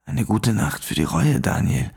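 A man voicing a sinister, soft-spoken stranger who talks in a husky, coaxing half-whisper. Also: fairly low pitch, very animated, a little slow, heavily acted. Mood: menacing hush.

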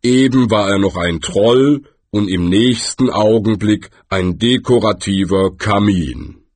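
Man doing a big old troll, slow rumbly and gloomy, husky voice, dry sound. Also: dry recording. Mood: earnest.

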